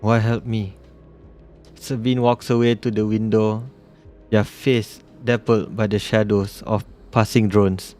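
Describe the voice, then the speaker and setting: A man's voice: fairly low pitch, flat delivery, a little slow, a little mellow, faint music behind. A man streaming a game, reading the story text aloud and muttering casual comments to himself.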